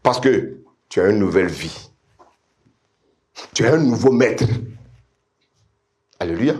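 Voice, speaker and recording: Impassioned male preacher, lively swooping voice. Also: slow pace. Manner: impassioned, repetitive preaching that swings from low asides to high shouted refrains; addresses the congregation directly with call-and-response. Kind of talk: sermon.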